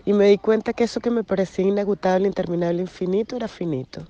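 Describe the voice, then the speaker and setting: A woman giving a personal recovery testimony, reflective and searching, pausing between phrases. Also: medium pitch, dark tone, muffled recording. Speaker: recovery group member sharing.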